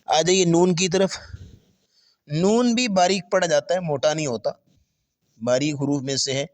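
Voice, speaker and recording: A man teaching Quran pronunciation, explaining step by step and stretching letters slowly in drills, with English terms mixed in. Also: on the high side. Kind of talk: tajweed lesson with spoken drills.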